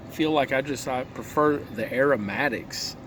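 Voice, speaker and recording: A man giving a casual, rambling review while puffing on a pipe, musing aloud and asking himself rhetorical questions. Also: mid-range voice. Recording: clear background noise, vehicle-like ambience.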